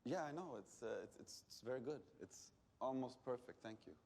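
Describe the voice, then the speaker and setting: A man's voice: mid-range voice, animated, a little fast, darkish tone, a little hiss or hum, close to an everyday voice. An actor playing a smug male Russian business rival, speaking in a thick put-on Russian accent. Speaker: film character. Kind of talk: film dialogue.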